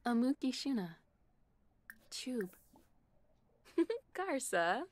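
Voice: high-pitched, very animated, drawn-out words, exaggerated voice. A woman voicing a game character who babbles in a made-up language. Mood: babbling.

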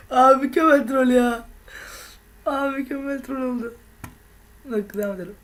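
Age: adult. Sex: woman. Pitch: fairly high. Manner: laughing, slangy, teasing gaming commentary. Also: a little slow, long pauses, slight background noise. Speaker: gaming video host.

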